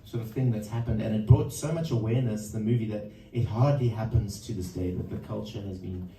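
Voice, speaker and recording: A man's voice: on the low side, dark tone. Man speaking from across a roomy space. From Zimbabwe. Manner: halting, thoughtful, with many pauses and fillers. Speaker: singer-songwriter introducing a song. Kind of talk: casual spoken song introduction at a live session. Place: live music session room. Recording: roomy, distant mic with faint background noise.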